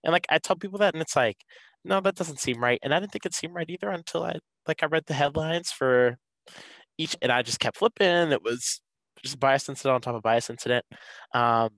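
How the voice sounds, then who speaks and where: A young man from Atlanta, a student panelist, telling his experience in a casual, animated way with quoted asides. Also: a little high, brisk, no room sound, poor audio. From Atlanta, Georgia, USA. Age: young adult.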